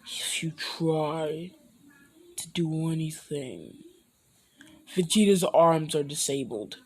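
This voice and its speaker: A woman voicing an arrogant, all-powerful male fighter who talks in a low, quiet, boastful, threatening way. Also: animated, takes it slowly, slightly rough, full character voice.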